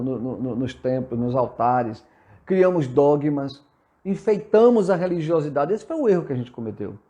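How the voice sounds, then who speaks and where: Brazilian male preacher on a livestream, higher-pitched and earnest, exhorting listeners while answering comments. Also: dark tone. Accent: Brazilian Portuguese. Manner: earnest and exhortative, reads out viewer comments and replies. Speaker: spiritist preacher hosting a live session. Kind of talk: live sermon-style talk answering viewer comments. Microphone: livestream from a phone or computer.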